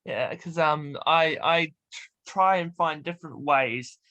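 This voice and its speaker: A man's voice: a little high, unhurried, bright, forceful tone, dull audio. A man hosting a casual radio interview, speaking informally with somewhat hesitant phrasing. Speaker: radio show host.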